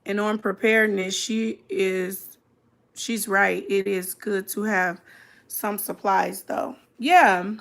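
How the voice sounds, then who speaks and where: A woman at a middling pitch chats on a live stream in an informal, conversational way. She speaks straight to her viewers, giving her reactions as they come. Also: steady tone, slow, creaky. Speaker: streamer hosting a reaction mukbang. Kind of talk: casual live-stream chat reacting to a video and viewer comments.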